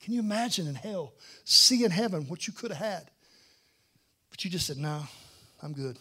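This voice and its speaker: High-voiced man, middle-aged, guest preacher, animated sermon, loud bursts and hushed lines. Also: moderate pace. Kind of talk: sermon with personal storytelling.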